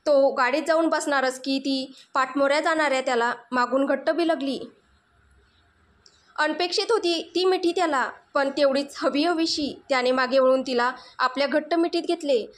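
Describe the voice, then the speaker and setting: A woman narrating a romantic story in an emotional, expressive way. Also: sits high, normal speed.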